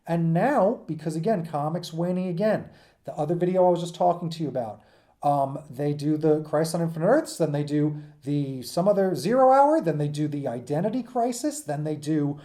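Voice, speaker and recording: A man with a fairly high, mellow voice gives an informal, unscripted comics history lesson as a teacher, speaking in an animated, brisk way. He talks conversationally and emphatically, often checking in with his listeners through "right?" and "okay?".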